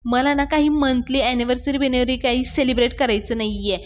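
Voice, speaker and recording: एक स्त्री करत असलेला कारस्थानी तरुण पुरुष, जो खोटी कळकळ दाखवत बोलतो. आवाज थोडा उंच आहे. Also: female voice, high voice, fairly even intonation, quick pace, muffled recording, slight background noise, lightly acted. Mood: irritated phone call. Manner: earnest, falsely emotional. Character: scheming young man, stirring up trouble.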